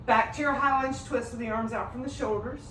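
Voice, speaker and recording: A woman's voice: a little high, a little fast, reverberant, slight background noise. Winded woman cueing a yoga flow. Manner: calm, directive cues, sometimes winded while moving. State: slightly out of breath. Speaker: yoga instructor.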